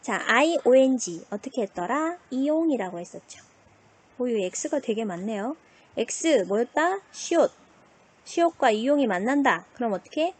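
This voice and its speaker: A woman teacher records an online lesson. Her voice is fairly high and breathy-husky. She keeps asking her students questions and answers them herself, like a teacher in class. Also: measured pace. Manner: asks and answers her own questions, lively.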